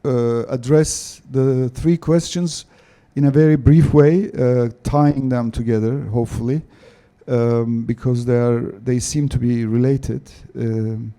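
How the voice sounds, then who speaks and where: A male panelist answers audience questions slowly and haltingly, filling pauses with "uh" and "um". His voice is very dark and mellow, and he takes his time. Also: mid-range voice, fairly even intonation. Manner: slow, halting, many fillers. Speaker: panelist, former diplomat.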